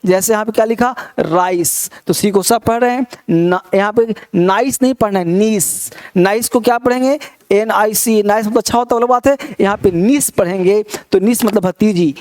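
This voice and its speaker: A man's voice: sits high, moderate pace, a little mellow. A man teaching an online spoken-English lesson, reading word lists aloud and asking the class rhetorical questions to check they follow. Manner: encouraging, repeats key points.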